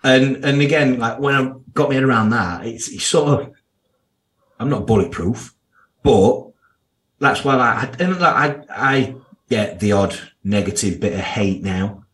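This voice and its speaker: A man's voice: mid-range voice, measured pace, fairly bright tone. A man in his thirties with a strong Yorkshire accent, talking candidly as an interview guest in a blunt, down-to-earth, slangy way. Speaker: podcast guest, financial services professional.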